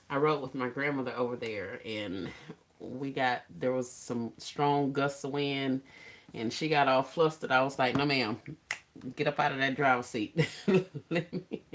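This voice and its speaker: A woman hosting a casual livestream, greeting viewers by name, laughing often and teasing playfully. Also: extremely low pitch. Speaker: livestream host.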